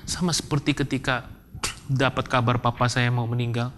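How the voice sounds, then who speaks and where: A male pastor preaching a sermon as a personal confession, dropping to hushed whispers and rising to emphatic outbursts, with English phrases mixed in. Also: mid-range voice, little pitch movement, normal speed, slight background noise.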